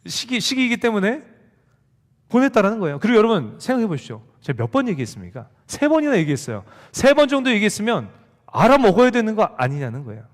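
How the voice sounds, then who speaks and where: Animated male pastor preaching. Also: high voice, fast. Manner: animated storytelling, acts out quoted dialogue. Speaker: youth group pastor. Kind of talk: sermon. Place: church sanctuary. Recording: long hall reverb.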